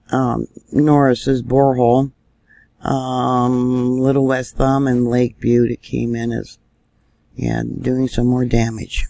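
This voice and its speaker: A man's voice: mid-range voice, vocal fry, darkish tone, no room sound. A man talking casually while he shows maps and camera views on screen, thinking aloud with fillers as he goes. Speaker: news vlogger. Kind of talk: casual screen-share commentary.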